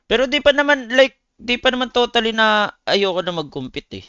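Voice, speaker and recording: A man with a Filipino accent, a game streamer and competitive esports player, chats casually with livestream viewers in an extremely high, sing-song voice that's sharp, smooth, and a little fast. He's blunt, slangy, and swears, calling listeners buddies. The lo-fi audio has no echo.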